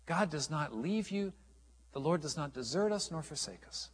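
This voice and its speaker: A man's voice: on the high side, lively intonation, normal speed, breathy edge, long reverb tail. A man preaching a sermon as a pastor, earnest and emphatic, often restarting his phrases.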